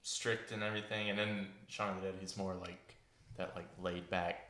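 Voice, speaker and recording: A man's voice: deep voice, flat delivery, moderate pace, bright, forceful tone. A laid-back man co-hosting a podcast, chatting casually about films. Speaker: podcast co-host. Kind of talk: casual film chat. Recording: echoey room.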